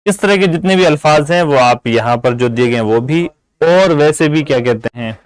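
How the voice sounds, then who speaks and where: A man giving an English grammar lesson, explaining patiently in Urdu-flavoured Hindi and repeating example words slowly. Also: a little high, poor audio. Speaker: English teacher.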